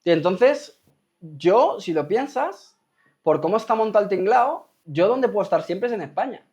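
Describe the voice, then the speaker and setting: Speaking in a high, expressive voice with a darkish tone and a moderate pace, a Spanish host chats casually with his viewers. Rhetorical check-ins keep coming, above all "¿me explico?", and the sound quality is lo-fi.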